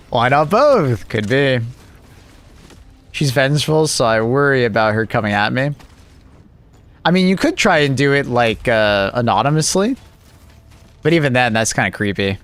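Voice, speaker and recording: A man's voice: mid-range voice, fairly bright tone. A man live streaming, chatting casually with his viewers and reacting to their messages with joking, rambling asides.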